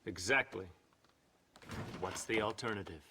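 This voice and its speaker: A man's voice: on the low side, a little slow, bright, forceful tone, slight background noise. An actor playing a stern, hostile lawman sidekick in a western video game. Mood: hostile, blunt. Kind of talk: video game cutscene acting.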